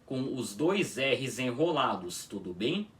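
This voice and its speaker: Slow, patient man teaching pronunciation. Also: mid-range voice, big pitch swings, a bit bright, far from the mic. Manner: drawn-out patient demonstrations, frequent "tá?" checks. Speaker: language teacher.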